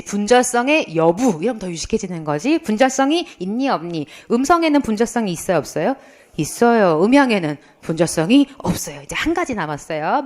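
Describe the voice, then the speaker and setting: A middle-aged woman lecturing for an exam prep course, quizzing students and then answering her own questions in a playful way. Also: on the high side. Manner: lively, asks students questions and answers them herself; playful, imitates sounds and tells funny anecdotes. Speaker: Korean language lecturer.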